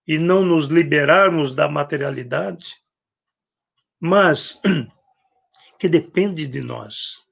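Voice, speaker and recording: A man with a Brazilian Portuguese accent preaches a spiritist sermon at an unhurried, deliberate pace. His voice sits fairly high for a man and has a gravelly edge. He acts out gospel quotes and clears his throat often. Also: a bit bright. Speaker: spiritist speaker. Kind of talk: spiritist sermon on a live stream.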